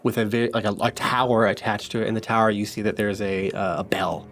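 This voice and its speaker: A man's voice: lowish voice, fairly even intonation, fairly quick, fairly bright tone. A man narrating a tabletop game as game master, describing scenes with many fillers.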